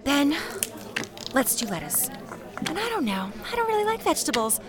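A woman's voice: sits high, big pitch swings, moderate pace, crowd noise. An actress playing a chatty, fussy young woman ordering at a sandwich counter. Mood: bubbly. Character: bubbly picky young female customer.

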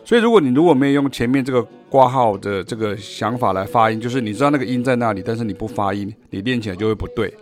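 A man's voice: mid-range voice, fast, hardly any pauses. Man, Taiwanese Mandarin accent, jazz teacher, podcast lesson, scats rhythms to explain, faint background music. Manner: explains through sung rhythm syllables and examples.

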